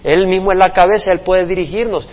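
A male pastor giving a Bible study sermon, earnestly preaching with rhetorical questions and swinging from emphatic to hushed. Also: high-pitched, fairly even intonation, brisk, long reverb tail, highs cut off.

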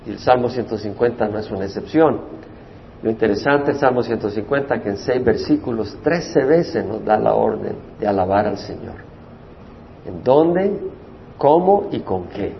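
A man leads a Bible study as pastor, with a gravelly voice and a steady middle pitch. He explains Hebrew word meanings and repeats terms to drive them home. The recording is dull and lo-fi, with a long church-hall reverb. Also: moderate pace, slight background noise.

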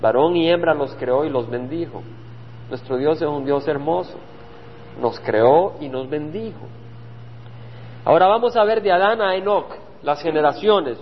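High-voiced pastor teaching in an echoey hall. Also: male voice, unhurried. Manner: earnest, repeats key phrases for emphasis. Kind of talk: Bible study sermon. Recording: dull lo-fi sound with hall reverb and faint hum.

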